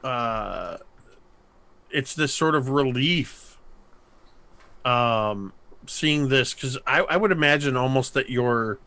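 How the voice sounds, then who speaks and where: A man narrating a tabletop horror game as game master, slow and measured, with pauses and filler sounds. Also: medium pitch, bright, forceful tone. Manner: slow, measured, pausing with ums.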